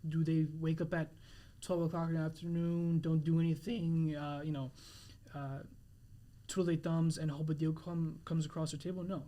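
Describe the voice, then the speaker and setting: Young man, twenties, podcast guest, higher voice, earnest, halting. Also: mellow. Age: 20s. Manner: earnest, halting, many restarts and fillers. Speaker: realtor guest. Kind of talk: casual interview chat.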